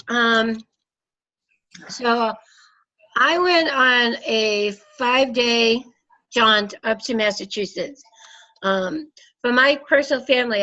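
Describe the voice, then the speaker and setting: A woman's voice: on the high side, a bit bright. Congested middle-aged woman on a call. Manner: chatty, rambling with many fillers. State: congested, sick. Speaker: team leader. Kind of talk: casual video call meeting. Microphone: video call. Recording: dull lo-fi call audio with faint noise.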